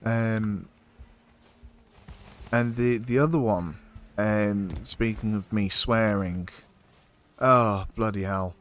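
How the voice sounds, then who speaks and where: A man's voice: lowish voice, slow pace, pauses often. A man streaming a game, chatting casually in a rambling way, swearing often and filling gaps with ums and likes. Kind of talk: casual chat while playing a game.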